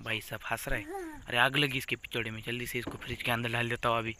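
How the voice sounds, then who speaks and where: A man's voice: medium pitch, flat delivery, fast, noisy background. A young man giving casual, joking gameplay commentary as a gaming YouTuber, teasing the baby on screen.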